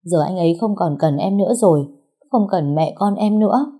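A woman's voice: fairly low pitch, moderate pace, dark tone, husky. A woman voicing a tearful, pregnant young woman who pleads with her older sister. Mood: tearful pleading. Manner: sobbing, pleading.

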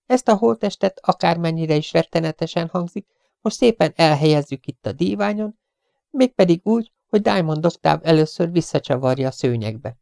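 A man voicing a calm, clever male detective in an audiobook who lays out a plan step by step. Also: on the high side, vocal fry, no room sound, clean studio sound, pitched above the performer's own voice. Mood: explaining. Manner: methodical, reasoning aloud.

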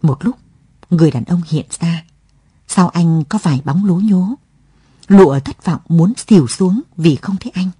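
Husky, low woman reading a story. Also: no echo, studio quality. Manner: calm, measured storytelling. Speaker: story narrator. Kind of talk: scripted narration. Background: faint music.

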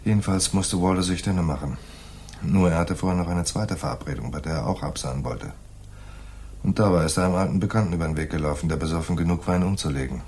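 In a 1980s German radio play, an actor voices a laconic, shrewd private detective, narrating his case and trading noir dialogue in dry, slangy fashion. His voice is low, dark and husky, moving at a quick clip with a dry, businesslike mood.

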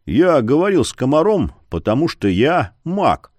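A man's voice: fairly high pitch, big pitch swings, measured pace, a little mellow, no echo. A man playing a stubborn, blunt male mercenary in an audiobook.

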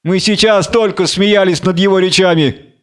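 A man voicing a fawning jailer who fusses and flatters his masters. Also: high voice, moderate pace, clean tone, pitched above the performer's own voice, natural voice. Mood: fussing. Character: fawning old male jailer.

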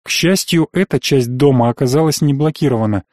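A man narrating a first-person fantasy audiobook in a measured, tense storytelling manner. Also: mid-range voice, a little mellow, no room sound, clean studio sound.

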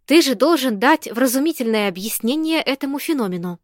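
A woman reading the lines of a cool, ironic woman who speaks slowly, calmly and precisely. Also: sits high, no echo, clean studio sound.

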